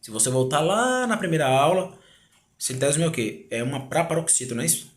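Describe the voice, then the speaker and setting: A man teaching a grammar lesson, explaining slowly, repeating words and asking rhetorical questions. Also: on the high side, animated. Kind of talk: grammar lecture. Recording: echoey room.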